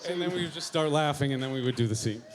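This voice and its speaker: A man's voice: a little high, rapid-fire, crowd noise. A man, a film director on a festival panel, telling casual stories with enthusiasm and emphasis. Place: festival theater stage before an audience. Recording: live stage mic with loud audience.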